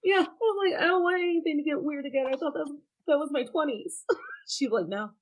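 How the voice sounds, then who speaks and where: A woman's voice: sits high, fairly quick, a little hiss or hum, poor audio. A woman in her thirties from Ohio, a podcast guest telling frank personal stories in casual chat with wry laughs. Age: 30s.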